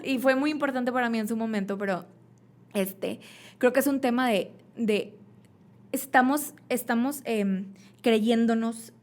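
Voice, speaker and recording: A woman's voice: on the high side, a little slow. A young adult woman with a Mexican accent, a podcast guest telling stories in casual chat and acting out the voices of the people in them. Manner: animated storyteller, acts out quoted voices.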